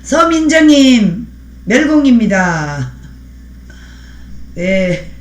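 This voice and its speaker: A woman's voice: fairly high pitch, very animated, very slow, echoey room. A woman hosting a live stream, speaking in a fiery, preachy way and thanking viewers by name as she reads their comments. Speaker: livestream host.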